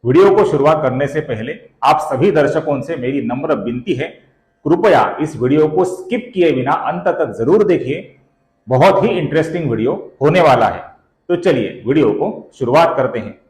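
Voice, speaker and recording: A man teaching the pronunciation of verses, speaking slowly and deliberately and stretching out syllables, and addressing viewers as friends. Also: a little high, expressive, darkish tone, reverberant, poor audio. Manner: slow and deliberate, stretching out syllables when he chants. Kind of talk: slow, careful recitation lesson.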